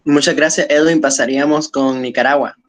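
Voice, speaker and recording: A man with a somewhat high voice hosts an online webinar panel. He talks in a measured, hesitant way, restarting his phrases and filling pauses. He is speaking over a video call. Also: steady tone. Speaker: webinar host.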